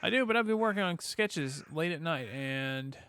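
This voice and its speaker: A man's voice: fairly high pitch, expressive, moderate pace, pushed and bright, smooth. A man voicing a polite, earnest young male artist from a game in his own plain voice. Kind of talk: reading game dialogue aloud.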